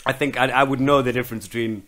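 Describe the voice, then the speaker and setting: A Geordie man chatting on a podcast with a bright, forward voice. He tells stories in an animated way and acts out the people he quotes. His pitch sits mid-range for a man. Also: fast talker. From Newcastle, England. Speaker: comedian guest. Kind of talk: casual podcast chat.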